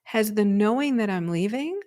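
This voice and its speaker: A woman's voice: mid-range voice, expressive, moderate pace, a little mellow. A woman co-hosting a podcast, telling a personal story in a chatty way, often tagging "right?" onto her sentences. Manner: chatty, frequent "right?" and "um" fillers. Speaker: podcast co-host. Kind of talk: casual conversational storytelling.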